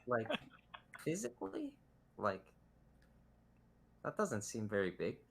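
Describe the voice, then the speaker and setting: A man's voice: mid-range voice, huge pitch swings, takes it slowly, vocal fry, husky. A man playing a tabletop game, chatting casually and joking in character.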